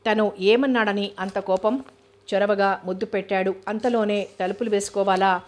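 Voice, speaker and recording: Female audiobook narrator, flat steady delivery, little pitch movement. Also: normal speed. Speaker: novel reader.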